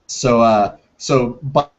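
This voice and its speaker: A man talks over a video call, and the dull lo-fi connection softens his voice. He has an ordinary mid pitch. He stops often to look for words and restarts his sentences as he explains his plans as a filmmaker. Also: very slow. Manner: hesitant, many restarts and fillers. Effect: heard over a video call that breaks up. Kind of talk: interview conversation. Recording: muffled lo-fi video call audio.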